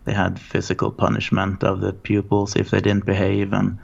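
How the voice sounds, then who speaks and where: Man from Norway, 40s, gravelly, flat low delivery, rambling guest on a dull call line. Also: normal speed. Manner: relaxed, rambling storytelling. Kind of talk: casual interview.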